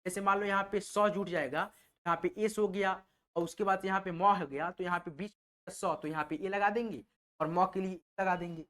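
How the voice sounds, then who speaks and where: A man's voice: sits high, steady tone, fairly quick, bright, forceful tone. A man from or teaching a spelling lesson, patient and repetitive, asking his own questions and then answering them. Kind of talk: spelling lesson over a board.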